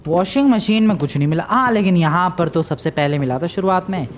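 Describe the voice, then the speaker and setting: A man's voice: high-pitched, animated, fairly quick, slight background noise. A man commentating a horror game for viewers, jumpy and easily frustrated, yelping at scares. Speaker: gaming YouTuber.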